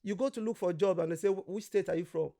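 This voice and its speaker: A man speaks in a fairly high, heavily gravelly voice. He talks as a guest in a casual conversation. He tells stories with energy, acts out the people he quotes, and swears without holding back. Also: rapid-fire. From Nigeria. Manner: animated storyteller who acts out quoted voices and swears freely.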